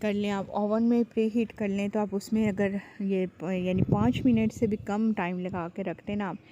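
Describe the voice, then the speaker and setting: A woman narrating her cooking vlog in a chatty, homely way. She talks slowly and carefully. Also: mid-range voice, highs cut off. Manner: chatty, homely, deliberately slow and careful delivery. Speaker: cooking vlogger and mother. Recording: loud background noise throughout.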